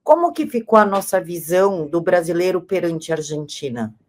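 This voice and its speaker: A woman's voice: lowish voice, animated, normal speed. A woman interviewer asking long, emphatic, opinionated questions.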